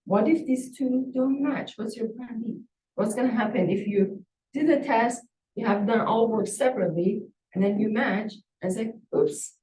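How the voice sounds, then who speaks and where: A woman with a somewhat high, dark-toned voice speaks at a moderate pace, recorded from a distance in an echoey room. As a university instructor reviewing a student project, she gives spoken feedback and probes with follow-up questions.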